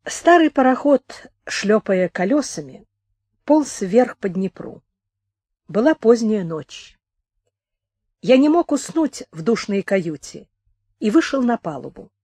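A woman narrates a memoir in a calm, measured literary reading. Her voice sits fairly high and moves at a very slow, deliberate pace. The recording is close and dry, with no room sound. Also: dry recording. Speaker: audiobook narrator.

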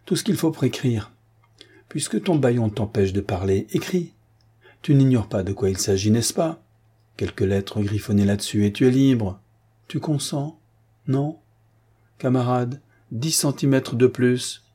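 A man's voice: medium pitch, unhurried, slightly rough. A man reading an audiobook, voicing a cruel, mocking male gang chief who tortures a captive and taunts him. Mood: coldly taunting. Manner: taunting, then furious and shouting.

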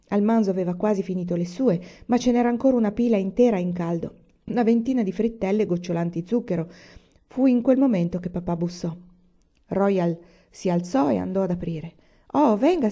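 A woman's voice: on the low side, mellow, dull audio. A woman reading a novel aloud, giving the characters' lines small shifts of voice and dropping her level on the narration tags. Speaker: reader.

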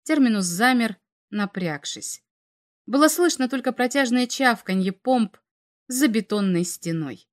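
A woman reading science fiction aloud as an audiobook narrator, measured and dramatic. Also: on the high side, lively intonation.

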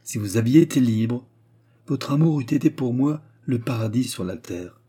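A man's voice: medium pitch, expressive, moderate pace, dark tone, husky. A man reading a young woman's tender, resigned farewell letter in an audiobook.

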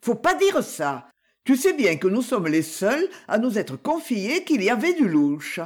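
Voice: mid-range voice, very animated, unhurried, pitched above the performer's own voice. A reader voicing an uneasy woman shopkeeper, a former maid, who answers questions anxiously in an audiobook. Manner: anxious, pleading.

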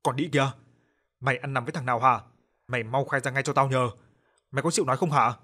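A man voicing a furious, harsh middle-aged father who shouts, curses and threatens. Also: medium pitch, steady tone, quick pace. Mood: furious shouting.

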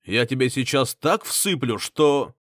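A man's voice: mid-range voice, lively intonation, unhurried, no echo, studio quality. A man voicing a brutal clan head who barks orders and sneers. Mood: angry. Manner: barking orders, scornful. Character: brutal middle-aged clan head, contemptuous.

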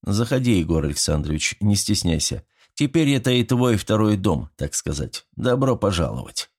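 A man's voice: fairly low pitch, sing-song, normal speed, a little mellow, husky. A man voicing a friendly, welcoming middle-aged male school principal. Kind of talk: audiobook character voice.

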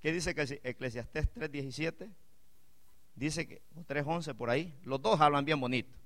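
A male pastor preaching a sermon, moving from chatty asides with the congregation to impassioned, loud exclamations. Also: on the high side, normal speed.

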